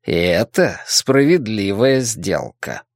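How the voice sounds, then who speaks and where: A man's voice: on the low side, sing-song, slow pace, no room sound, studio quality, heavily acted. A man voicing a domineering, scheming middle-aged male town boss in an audiobook. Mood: menacing. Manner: domineering and mocking.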